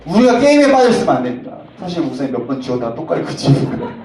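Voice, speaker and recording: A man preaching a sermon to middle schoolers as a youth pastor, with sudden loud emphatic rises. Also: a little high, big pitch swings, very fast, background noise. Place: church sanctuary. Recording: echoey hall from a distance.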